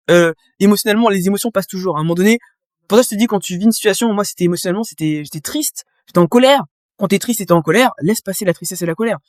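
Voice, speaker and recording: A woman guest chats in a casual interview, painting her points with vivid images and speaking directly to the listener. Her voice sits at a middle pitch for a woman. The recording is dry and close. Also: no room sound. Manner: explains with vivid images, talks straight to the listener. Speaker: guest, business coach.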